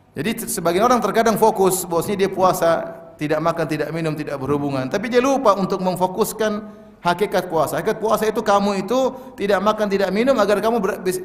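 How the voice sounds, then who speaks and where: A man's voice: on the high side, long reverb tail. A man preaching a sermon earnestly, quoting Arabic scripture and repeating his key points. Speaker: Islamic preacher.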